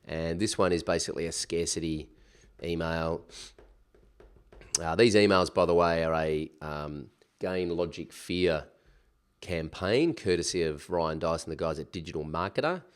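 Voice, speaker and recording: Low, congested, pinched-nose male tutorial voice. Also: unhurried, clean tone. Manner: chatty, informal, with slangy asides. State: recovering from a cold. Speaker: software tutorial instructor. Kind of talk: casual screen-share tutorial.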